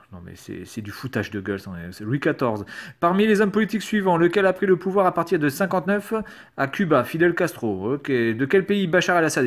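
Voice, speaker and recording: A man reading quiz questions aloud in a casual commentary video, sarcastic and hesitant, swearing now and then. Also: fairly high pitch. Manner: reads quiz questions aloud and answers them. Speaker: YouTuber. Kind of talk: casual screen-recorded commentary.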